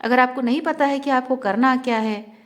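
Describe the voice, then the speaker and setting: Soft-spoken woman giving reflective guidance. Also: sits high. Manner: slow, searching, mixes Hindi and English. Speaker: intuitive reader giving guidance. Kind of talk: reflective spiritual guidance monologue.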